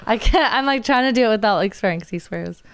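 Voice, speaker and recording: Smooth-voiced young woman telling stories. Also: on the high side, expressive, fast. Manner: chatty storyteller with many fillers and likes. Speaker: podcast guest, waitress. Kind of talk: casual podcast chat, storytelling.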